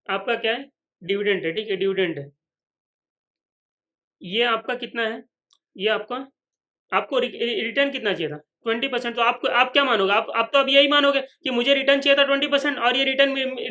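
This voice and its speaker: A man's voice: very high-pitched, pushed and bright. A man teaching a finance lecture at a whiteboard, who repeats each point and keeps checking that the students follow. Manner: voices imagined students' questions.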